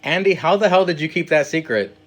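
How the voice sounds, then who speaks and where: A man hosting a casual podcast interview, upbeat and quick to laugh at himself. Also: fairly high pitch, animated. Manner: upbeat, laughs easily, self-mocking. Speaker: podcast host.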